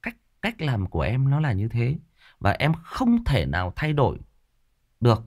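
Defensive Northern Vietnamese man, lively pitch. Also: normal speed. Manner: defensive, repetitive, with many fillers and restarts. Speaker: audiobook narrator answering a listener. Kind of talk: unscripted direct address to a commenter.

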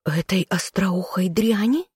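An audiobook reader voicing a furious, spiteful noblewoman, the king's sister, who scolds in sharp outbursts. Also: expressive, husky, no echo, clean studio sound. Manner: shrill, scolding, quick outbursts. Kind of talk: audiobook role reading.

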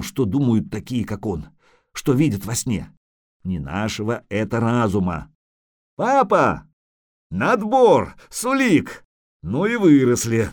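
A man voicing a hearty middle-aged merchant who talks in booming exclamations. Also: warm tone.

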